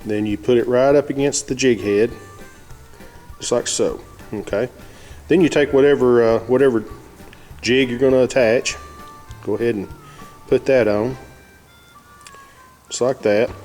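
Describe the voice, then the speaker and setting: A man's voice: medium pitch, darkish tone. A man with an Arkansas Southern accent giving a casual, folksy, plain-spoken how-to demonstration as host of a fishing vlog. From Arkansas, United States.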